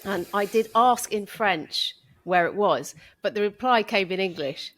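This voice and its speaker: A woman's voice: medium pitch, a bit bright, poor audio. Chatty woman telling a story. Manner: chatty anecdotes, quick agreement. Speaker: podcast producer. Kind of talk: casual chat.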